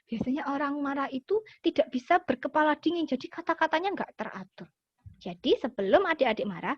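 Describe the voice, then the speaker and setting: A woman giving a lively lesson to schoolchildren, acting out little example phrases as she explains. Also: high voice, no echo. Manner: animated, acts out example phrases. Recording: dull, dry lo-fi sound.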